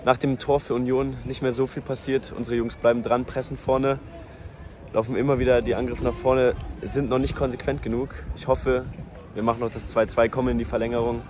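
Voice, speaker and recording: A man giving informal, partisan pitchside match updates in short clipped phrases, recorded outdoors at a football ground. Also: level tone, brisk, a little mellow, a little hiss or hum. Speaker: vlogger commentating on a youth football match.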